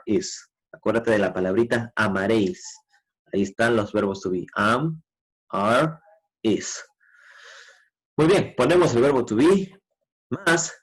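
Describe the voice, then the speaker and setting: Husky male teacher. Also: mid-range voice, rough recording. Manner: patient, repeats "¿ya?" checks, models English sentences slowly. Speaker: school English teacher. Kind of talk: online class explanation.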